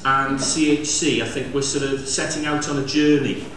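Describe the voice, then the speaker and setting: A Welsh-accented man representing local government opens a conference with a bilingual, semi-improvised speech to delegates. His mid-pitched voice is flat, hesitant and halting, with frequent pauses. Recorded from a distance in a large indoor venue, the sound is very echoey with clear noise.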